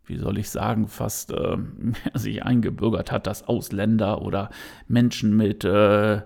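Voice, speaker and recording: This podcast host has a lowish, gravelly, slightly mellow voice and shares his opinions unscripted, addressing listeners directly. He stumbles often with fillers and restarts, yet remains sincere.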